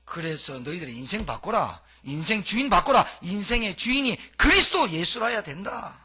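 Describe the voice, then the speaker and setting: A man's voice: high-pitched, big pitch swings, moderate pace, pushed and bright, husky. A male pastor delivering a dramatic, colloquial sermon full of rhetorical questions.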